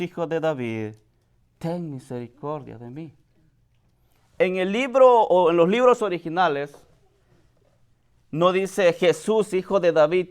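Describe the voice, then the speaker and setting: A man preaching a sermon, speaking to the congregation as brother, swinging from high, loud questions to soft, quiet lines. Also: clean tone. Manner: addresses the congregation directly as brother.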